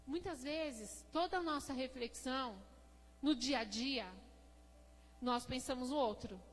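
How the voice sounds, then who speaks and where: A woman preaching a sermon at a prayer service, swinging between loud emphatic bursts and soft, low passages, and telling stories with quoted speech. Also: a little slow. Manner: tells anecdotes with quoted speech. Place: church hall. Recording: reverberant hall with faint hum.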